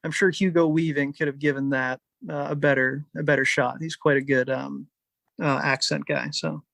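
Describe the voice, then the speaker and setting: A man with a fairly high voice giving his take on a movie podcast. He hesitates often, with many "um"s and "you know"s. The recording is dry. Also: flat delivery, moderate pace, vocal fry, a bit bright, dry recording. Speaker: podcast co-host. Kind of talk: casual movie discussion.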